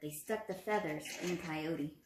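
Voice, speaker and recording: A woman in her twenties, an encouraging teacher, reads aloud and asks young children questions. Her voice sits low and her pace is measured. She's recorded indoors in a small room at home, with a roomy sound and slight background noise.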